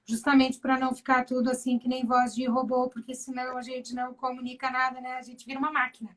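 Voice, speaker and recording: A woman with a high voice hosts a casual live interview. She talks with enthusiasm and often tacks a quick question onto the end of her sentences. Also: monotone, low-quality recording. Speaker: host of a live stream for teachers.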